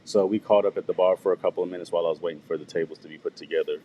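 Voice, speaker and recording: A man's voice: low voice, steady tone, very fast, mellow, slight background noise, poor audio. A man co-hosting a radio talk show, telling stories in a laid-back way and chuckling often. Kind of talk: casual chat.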